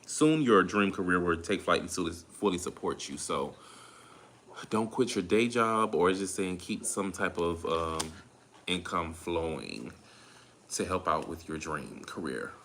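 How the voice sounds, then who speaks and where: Southern guy doing a tarot reading, real low voice, tired and drawn out, repeats himself a lot. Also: fairly bright tone, slight background noise. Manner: laid-back, drawn-out, repeats phrases while calling on spirit. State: tired, drained. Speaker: tarot reader. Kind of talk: casual tarot reading monologue.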